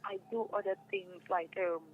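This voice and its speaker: A young woman, a guest who acts in stage and radio drama, answers interview questions casually and repeats phrases for emphasis. Her medium-pitched voice has fairly even intonation and a moderate pace. The lo-fi recording carries noticeable background noise.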